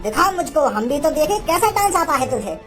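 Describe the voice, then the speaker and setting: A woman's voice: sits high, big pitch swings, brisk, fairly bright tone, faint music behind. A woman voicing a stern middle-aged cartoon father who scolds and bosses the young men around. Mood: bossy. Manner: scolding, bossy. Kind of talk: cartoon comedy dubbing.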